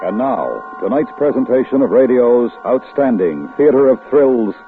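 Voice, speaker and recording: A man's voice: mid-range voice, big pitch swings, normal speed. A man announcing a 1950s radio thriller in a formal, dramatic manner. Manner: dramatic, ominous. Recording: tinny old radio broadcast with music.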